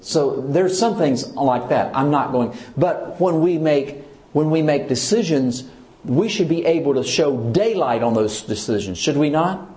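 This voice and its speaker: A man's voice: on the high side, unhurried, echoey room. A man, a church leader, teaching in sermon style, asking his listeners questions and pressing his points with emphasis. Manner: asks the audience questions, lively and emphatic.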